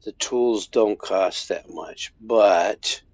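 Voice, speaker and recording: A man's voice: lowish voice, drawn-out words, darkish tone, no echo. A man casually commenting on his gameplay as a streamer, thinking aloud with frequent restarts. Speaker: game streamer.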